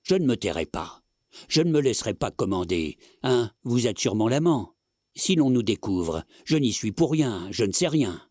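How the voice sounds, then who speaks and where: A man voicing a flustered, timid gentleman who pleads in a panic. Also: medium pitch, very animated, normal speed, no room sound, studio quality. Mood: pleading.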